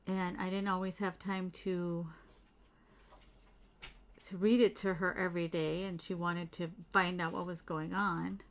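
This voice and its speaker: A woman's voice: on the low side, little pitch movement, measured pace. A middle-aged woman chatting casually at home while doing beadwork, rambling and reading out viewer comments. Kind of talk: casual livestream chat while beading.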